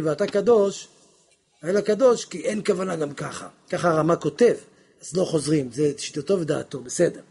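Husky high-voiced impassioned male preacher. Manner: impassioned, swings from hushed to shouting, acts out dialogues. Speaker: rabbi teaching on prayer. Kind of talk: religious lesson, sermon.

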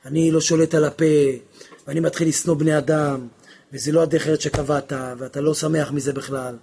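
A man teaching a religious lesson on prayer, impassioned, swinging from hushed asides to shouts and acting out little dialogues. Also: fairly high pitch, flat delivery, gravelly, slight background noise.

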